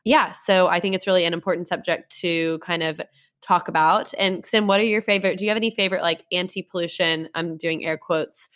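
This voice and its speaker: A woman with a somewhat low voice co-hosts a casual podcast. She sounds congested, with the stuffy nose of a cold, and talks in an informal, chatty way. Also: fairly even intonation, brisk, a bit bright. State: has a cold. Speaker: podcast co-host.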